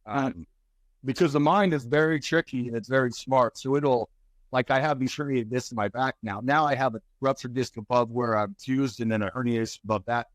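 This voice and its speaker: The audio is poor and there's no room sound as this mid-voiced man in his forties, a guest author and speaker, talks openly in an interview. Halting and prone to restarts, he becomes animated while recounting stories.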